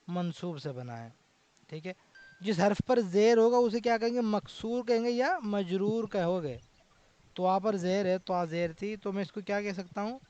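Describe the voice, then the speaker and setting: A man's voice: sits high, darkish tone, no room sound. A man teaching basic Arabic grammar terms in an online class, often asking his students questions. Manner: drills with repeated questions to students. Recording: dull lo-fi call audio.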